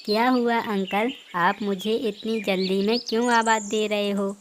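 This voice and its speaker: A woman's voice: mid-range voice, steady tone, measured pace, background noise, lightly acted. Woman doing a little girl sparrow. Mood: puzzled. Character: young girl sparrow, innocent, playful.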